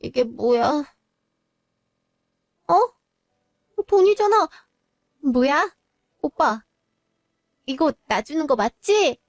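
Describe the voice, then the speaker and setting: A woman's voice: high-pitched, expressive, drawn-out words, pauses often, no room sound, studio quality, exaggerated voice. A woman voice actor playing a whiny, exhausted young new mother in a Korean audio drama. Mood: excited.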